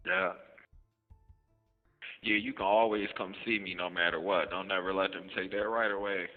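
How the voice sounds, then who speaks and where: Man on prison phone, low voice, pleading, tinny line, faint music behind. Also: steady tone, normal speed, big-room sound. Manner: pleading, repeats "you hear me". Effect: prison phone call audio. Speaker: inmate on a call. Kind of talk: casual phone conversation.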